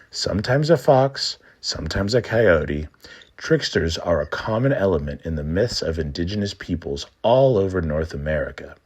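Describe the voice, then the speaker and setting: A man narrating a scripted trickster folktale and explaining it in an expressive storytelling manner. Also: deep voice, slightly rough. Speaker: storyteller and presenter.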